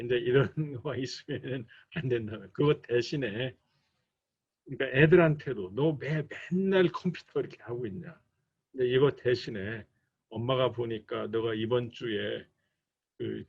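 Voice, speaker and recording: A man teaching a church class as a couples counselor, talking slowly and deliberately and acting out quoted arguments. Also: medium pitch, vocal fry, slightly rough. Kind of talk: recorded lecture for a training course. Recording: dull lo-fi recording.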